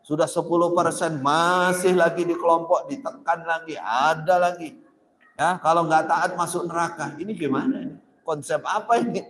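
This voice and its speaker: A man's voice: on the high side, fairly even intonation, moderate pace, a bit bright, a little hiss or hum. A man preaching a sermon, telling stories with emphatic, sharply rising stresses on key words. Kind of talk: sermon with storytelling. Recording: echoey hall with long reverb.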